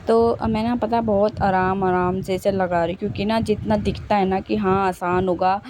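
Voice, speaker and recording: A woman's voice: mid-range voice, fairly even intonation, moderate pace, darkish tone. A young woman vlogger narrating her kitchen cleanup in a casual, homely way, with lots of fillers and self-corrections. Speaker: home vlogger. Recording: noticeable background noise.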